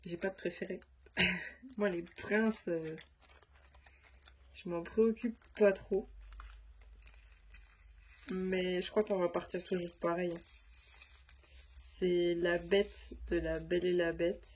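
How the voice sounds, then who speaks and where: A woman's voice: fairly low pitch, steady tone, slow pace, long pauses, slight background noise. A woman vlogger chatting casually to camera, her voice nasal from a stuffy nose, rambling with many fillers. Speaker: crafts vlogger.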